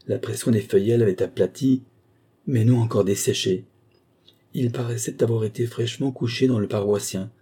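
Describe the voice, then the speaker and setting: A man reading a classic novel aloud in measured, literary narration. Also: lowish voice, dark tone, slightly rough. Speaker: audiobook reader.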